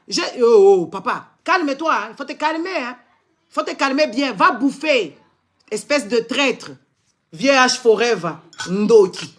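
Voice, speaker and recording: A man rants angrily in a live stream, mixing French and Lingala within the same sentence. He is from the Democratic Republic of the Congo and has a Congolese French accent. His voice is very high and a bit bright, and his tone is confrontational and full of repeated scolding.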